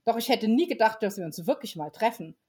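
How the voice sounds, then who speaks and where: A woman's voice: on the high side, animated, brisk, a little mellow, slightly rough. A woman reading the part of a playful, friendly male Father Christmas in a storybook. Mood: cheerful.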